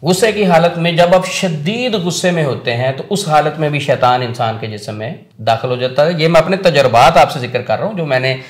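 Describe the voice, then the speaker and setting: A man's voice: a little high, a little fast, few pauses, roomy sound. A man speaking as a spiritual healer on a religious talk show, explaining earnestly in numbered points and quoting sayings.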